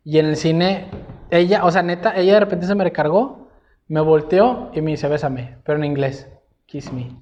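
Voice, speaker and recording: A man's voice: high voice, moderate pace, darkish tone, highs cut off. A young Mexican man co-hosting a podcast, chatting casually in heavy slang. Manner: slangy, chatty, says güey a lot. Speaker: podcast co-host. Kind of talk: casual chat.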